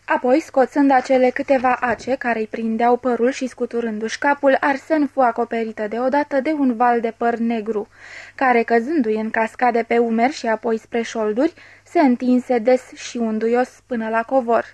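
A woman reading a classic novel aloud as an audiobook narrator, measured and expressive, voicing the dialogue. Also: on the high side, no echo. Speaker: audiobook reader.

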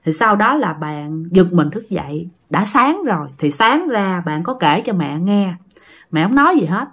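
A woman's voice: lowish voice, big pitch swings, unhurried, a bit bright, breathy edge. A woman telling a ghost story in a casual, chatty way, speaking straight to her listeners. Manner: chatty, addresses listeners directly.

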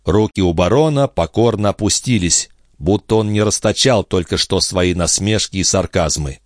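A man narrating a classic novel as an audiobook, in a measured, expressive way. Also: low voice, dry recording, studio quality.

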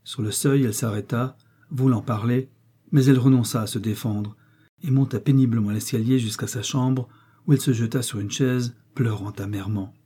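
A man reading a classic novel aloud as an audiobook narrator, in a measured, even storytelling manner. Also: mid-range voice, breathy edge. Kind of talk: scripted literary narration.

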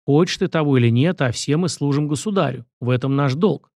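A man's voice: on the high side, brisk, a little mellow, no room sound, close to an everyday voice. A man voicing an old prince, a grandfather who speaks in a dry, knowing, admonishing way. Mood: wry.

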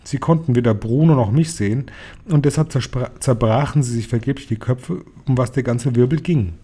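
A man reading a children's story aloud in a steady storytelling manner. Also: medium pitch, a little fast, husky. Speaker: narrator. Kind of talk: audiobook reading.

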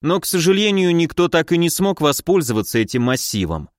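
A man voicing a careful sixteen-year-old boy who speaks in a measured, politely calm way. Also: on the high side, no echo, studio quality, voice pushed up.

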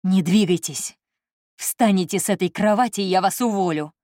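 A woman's voice: medium pitch, moderate pace, no room sound, studio quality, natural voice. Woman doing an agitated, feverish man. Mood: angry. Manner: complaining, shouting, dramatic. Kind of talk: audiobook character voice.

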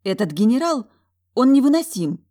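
Woman doing a fiery young girl in an audiobook, huffy and loud, pitched way up. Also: lively intonation, brisk, lightly acted. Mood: exasperated. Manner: huffy, loud protesting outbursts. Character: fiery indignant young woman, quick-tempered. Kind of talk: audiobook character voice.

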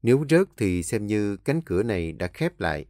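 A man narrating an audiobook in a steady storytelling manner. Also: lowish voice, normal speed, no echo, clean studio sound.

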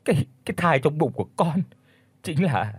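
A man's voice: a little high, animated, moderate pace, breathy edge, no room sound. A man voicing a frightened young pregnant village woman who stammers as she pleads. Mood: pleading.

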